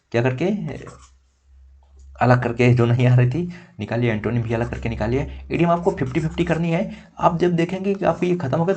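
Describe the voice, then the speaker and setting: A man's voice: medium pitch, darkish tone. A young man coaching students for an exam, chatting casually as he shows his notes and counts pages aloud. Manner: conversational, repeats "theek" often, counts pages aloud. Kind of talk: casual tutorial, showing notes.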